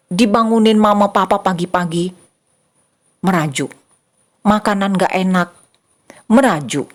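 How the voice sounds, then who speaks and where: A young woman giving a lively children's church sermon, addressing the kids directly and acting out small voices and exclamations. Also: mid-range voice. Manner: animated, acts out little voices and exclamations for kids.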